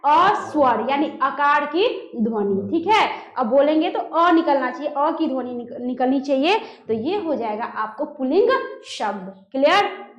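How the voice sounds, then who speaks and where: Female grammar teacher, very high-pitched, echoey room, quizzes the class and answers her own questions. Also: lively intonation, measured pace. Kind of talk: classroom-style grammar lesson.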